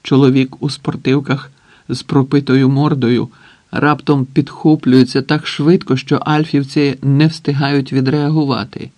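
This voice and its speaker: A man narrating an audiobook in a measured, dramatic way with long pauses. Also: mid-range voice, level tone, a little mellow, no room sound.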